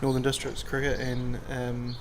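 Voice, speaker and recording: A man's voice: mid-range voice, monotone, moderate pace, noisy background. A man doing casual cricket co-commentary from an outdoor ground, trading dry, wry jokes. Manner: dry, wry joking banter. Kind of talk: casual live sports commentary.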